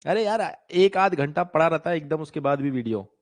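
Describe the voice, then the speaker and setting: A man's voice: a little high, expressive, a little fast. A man teaching physics in a live online class, chatty and teasing, often acting out students and newsreaders.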